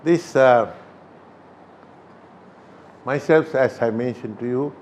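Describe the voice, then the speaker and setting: Slow, halting older man from Sri Lanka. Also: medium pitch, darkish tone, slight background noise. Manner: slow, halting, with many pauses and fillers. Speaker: Buddhist chief priest and founder of the society. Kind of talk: interview answers. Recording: slightly dull recording.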